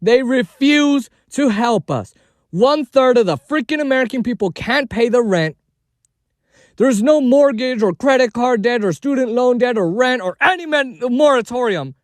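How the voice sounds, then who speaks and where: High-pitched man in an escalating angry rant. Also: expressive, normal speed, no room sound, clean studio sound. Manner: exasperated, sarcastic, profane, mimics opponents mockingly. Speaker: political commentator. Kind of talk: escalating, ranting political commentary.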